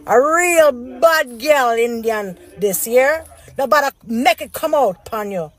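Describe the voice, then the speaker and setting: A woman's voice: sits high, animated, a little slow, soft background music. A woman from Jamaica with a Jamaican accent, delivering a heated, swearing rant.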